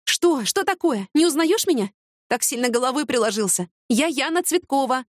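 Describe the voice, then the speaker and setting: A woman's voice: on the high side, animated, fast talker, no room sound, clean studio sound, voice pushed up, close to an everyday voice. A woman reading an audiobook, voicing a fiery, impulsive young woman with heated, emphatic retorts. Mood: urgent.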